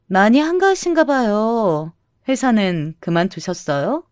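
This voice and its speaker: A woman voicing a snobbish sister-in-law near forty who talks down to others in a slow, mocking drawl. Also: mid-range voice, expressive, darkish tone, no echo, studio quality, lightly acted. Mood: sneering. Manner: mocking, condescending, drawn-out.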